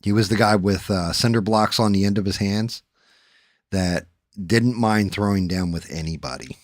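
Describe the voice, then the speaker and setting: This livestream host talks casually while working on 3D printing and painting, cursing openly and bluntly and frequently starting sentences over. His voice sits on the lower side at a moderate pace, captured in clean studio sound without echo.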